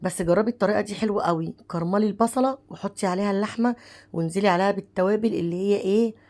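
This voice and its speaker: A woman in her thirties with an Egyptian Arabic accent, hoarse from a cold, chatting warmly to viewers as she walks through a home recipe. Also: medium pitch, very fast. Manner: chatty, affectionate, addresses viewers as sister. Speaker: home cooking vlogger. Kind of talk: casual cooking narration.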